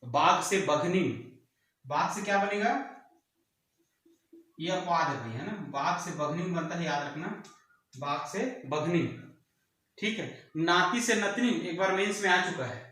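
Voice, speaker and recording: A man's voice: fairly high pitch, lively intonation, unhurried, pauses often, bright, forceful tone. A man from teaching an exam-prep grammar lesson, repeating words and quizzing his students. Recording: very echoey room, voice far from mic.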